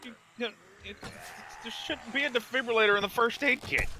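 A man's voice: very high-pitched, a little fast, background noise. A man chatting and joking animatedly while playing a co-op game. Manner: animated, laughing, swearing. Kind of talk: casual co-op game chat.

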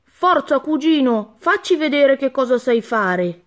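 A woman voicing a cheerful, friendly young male patchwork elephant in a storybook reading, with a bright, upbeat manner. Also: on the high side, very animated, a little slow.

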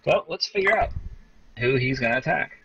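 A man running a tabletop game as dungeon master, narrating in a halting way with many ums and restarts. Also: mid-range voice, animated, highs cut off, over a noisy crowd.

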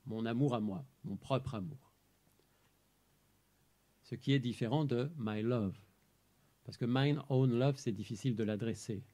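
A man presenting his translation work in a measured, explanatory talk, pausing over single words. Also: medium pitch, mellow. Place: amphitheater.

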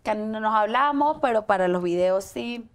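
A woman, a talk show guest telling a personal story candidly in an animated way and acting out the voices of the people in it. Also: medium pitch, moderate pace, smooth. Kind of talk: candid storytelling in a casual interview.

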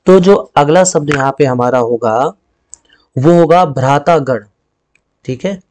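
A man's voice: fairly high pitch, a little slow, a little mellow, a little hiss or hum. A man teaching a Hindi spelling lesson. He explains step by step and says each word twice. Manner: explains step by step, often adding "ठीक है" and repeating words.

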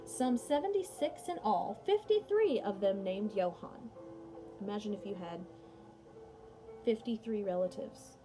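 On a rough recording, a young adult woman with a mid-range voice and lively intonation leads an informal read-aloud music lesson at a measured pace. She alternates reading with chatty asides in a small home room, music playing behind her.

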